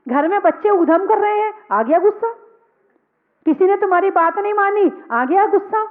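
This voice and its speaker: A woman preaching a sermon in a very high voice. She asks the listeners questions and answers them herself, repeating key words as she goes. The sound is thin and narrow, like a phone line. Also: lively intonation, normal speed. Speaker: Jain nun preacher.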